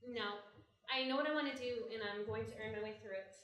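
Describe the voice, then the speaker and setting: A woman's voice: on the high side, brisk, a bit bright, distant mic, close to an everyday voice. Female actor as college-age daughter, strongly echoing room, earnest, restless, audio drama delivery. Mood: earnest, hesitant. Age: young adult. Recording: very echoey room.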